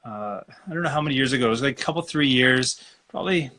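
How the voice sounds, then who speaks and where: A man from Alberta, Canada, talking as a guest acupuncturist in a relaxed, rambling way over a video call. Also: mid-range voice, quick pace. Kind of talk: casual live-stream interview.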